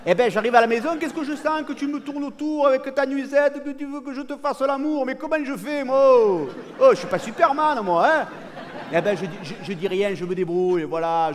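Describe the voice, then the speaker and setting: A comedian acting out a brash, boastful cheating husband, talking cockily and excitably to a partner who is never heard. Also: male voice, high voice, close to an everyday voice. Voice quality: cocky, excitable, talks over an unheard partner. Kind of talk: live stand-up character monologue.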